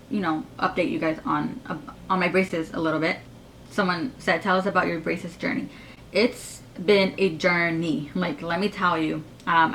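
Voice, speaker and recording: A woman's voice: fairly low pitch, fairly bright tone, a little hiss or hum, poor audio. A woman in her twenties with a slight lisp from braces, chatting casually in a rambling Q&A vlog with lots of fillers. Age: 20s. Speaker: YouTuber.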